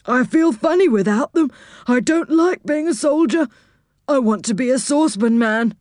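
A woman's voice: sits high, expressive, normal speed, darkish tone, dry recording, clean studio sound, voice pushed up. A woman voicing the Saucepan Man, a sorry, simple-hearted tinker who rambles apologetically. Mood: sad.

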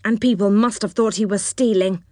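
A woman voicing an excitable little magical man in a storybook reading, eager and fussy. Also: medium pitch, moderate pace, no echo, studio quality, close to an everyday voice.

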